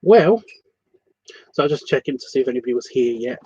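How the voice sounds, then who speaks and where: A Scottish art class host rambles through a relaxed livestream tutorial on his computer, correcting himself and swearing casually. His mid-range voice is mellow and a little rough, quick-ish, with lively intonation. Sound quality is dry, slightly muffled and lo-fi.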